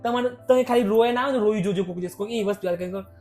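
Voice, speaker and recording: Fast-talking emotional young man. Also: sits high, faint music behind. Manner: emotional, animated, talks in rushed bursts. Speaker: podcast guest, vlogger. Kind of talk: casual podcast conversation.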